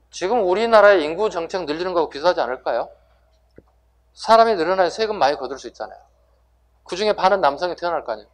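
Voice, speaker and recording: A man teaching history to exam students in a classroom lecture, asking rhetorical questions and answering them himself with emphasis. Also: on the high side.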